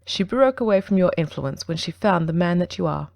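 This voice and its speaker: A woman playing a stern, commanding gentleman detective in a dramatic audiobook reading, formal and accusing. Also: lowish voice, animated, brisk, vocal fry, no echo.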